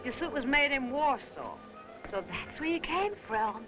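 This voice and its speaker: A woman's voice: high-pitched, very animated, a little slow. A woman playing a teasing, chatty young adventuress in an old film drama. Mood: chatty, playful. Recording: dull old film soundtrack with loud music.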